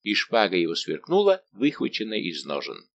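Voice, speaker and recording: Guy reading an audiobook, lowish voice, super lively pitch. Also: normal speed, gravelly, muffled recording, slight background noise. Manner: expressive, dramatic reading. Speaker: audiobook narrator. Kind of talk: audiobook narration.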